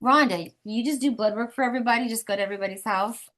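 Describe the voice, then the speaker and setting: A woman's voice: a little high, fast, a bit bright. A woman leading a weekly support group, chatty and encouraging as she gives the members instructions over a video call. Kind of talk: casual group talk, instructing.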